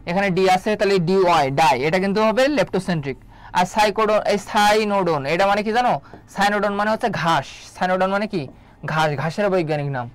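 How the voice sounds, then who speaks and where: High-pitched and clean-toned, this man from Bangladesh drills students in an online biology class for exams. His delivery is quick as he poses questions and hammers home key vocabulary.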